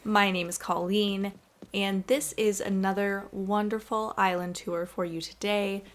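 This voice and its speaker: A woman's voice: mid-range voice, steady tone, a little slow. A young woman with a Canadian accent, hosting a game video in a bubbly, chatty way and poking fun at herself. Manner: bubbly, chatty, self-deprecating. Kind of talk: casual chat over gameplay.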